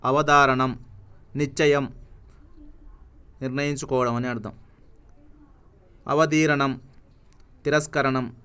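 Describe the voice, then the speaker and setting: A man with a Telugu accent slowly reads dictionary words and their meanings, pausing after each one. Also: mid-range voice, level tone, bright, forceful tone, clear, resonant tone. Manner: reads each word then its meaning, with pauses. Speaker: teacher reading a word list.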